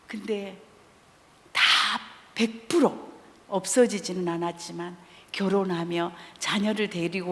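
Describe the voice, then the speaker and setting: A middle-aged woman, a counseling professor, giving a guest sermon in a church, blunt and lively, acting out the voices in her stories with comic timing. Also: mid-range voice. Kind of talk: sermon with anecdotes. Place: church sanctuary. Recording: echoey church hall.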